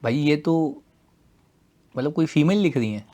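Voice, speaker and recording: Live online class में ऊँची आवाज़ वाला पाकिस्तानी उर्दू लहजे का पुरुष शिक्षक. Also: male voice, a little high, measured pace. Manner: lively, teasing, switches between loud emphasis and quiet asides. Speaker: teacher. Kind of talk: live online class.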